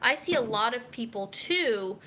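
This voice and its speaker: Young female dietitian, home kitchen livestream, slightly high, crisp, bright voice, conversational and rambling. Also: lively intonation, unhurried, slight background noise. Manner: chatty, reads viewer comments aloud while cooking. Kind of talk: live cooking stream chat.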